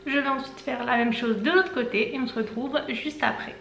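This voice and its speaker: A woman in her twenties, a beauty vlogger talking through a makeup tutorial in a chatty way, with rambling asides and quick self-corrections. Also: sits high, creaky, a bit bright. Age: 20s. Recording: echoey room, faint background music.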